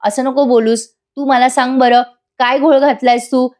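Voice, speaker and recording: A woman's voice: high voice, fairly even intonation, normal speed, a little mellow, lightly acted. A woman voicing a sugary, taunting young meddler. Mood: mock-sweet. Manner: sugary, mock-sympathetic, teasing.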